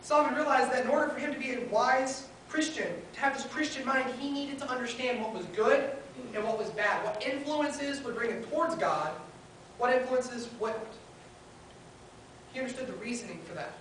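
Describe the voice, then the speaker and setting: A woman's voice: high-pitched, normal speed, fairly bright tone. Woman preaching at a pulpit microphone, echoey hall. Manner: earnest, builds points in short listed phrases. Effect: spoken into a pulpit microphone. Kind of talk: sermon. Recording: very echoey hall, heard from far off, faint hiss.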